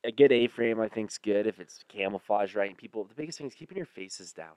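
A man with a Canadian accent and a low, smooth voice, recorded dry and close. He talks like a bro among buddies, casual and slangy, piling on hyperbole as he tells his stories. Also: lively intonation, quick pace, darkish tone, no room sound. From Ontario, Canada. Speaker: podcast co-host. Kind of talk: casual hunting chat.

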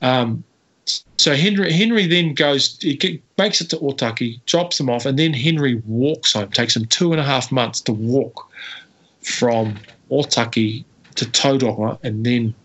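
A man, a history guest answering in a casual, animated storytelling way. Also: medium pitch, unhurried. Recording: slightly muffled audio.

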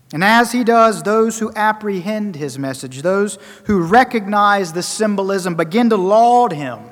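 A man preaching a sermon, emphatic and rhetorical, repeating phrases for effect and swinging between loud and soft. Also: sits high. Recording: long reverberant hall.

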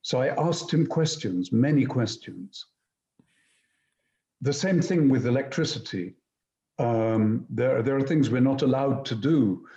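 Mellow, deliberate man in a roomy space. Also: mid-range voice. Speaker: interview guest, poet and screenwriter. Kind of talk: reflective conversational storytelling. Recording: slightly dull, roomy sound.

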